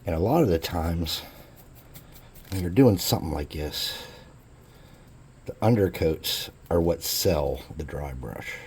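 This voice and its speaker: A man's voice: low voice, expressive, takes it slowly, long pauses, darkish tone, breathy edge. A man hosting a casual hobby crafting tutorial, chatting in a laid-back, jokey way as he works. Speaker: crafting channel host.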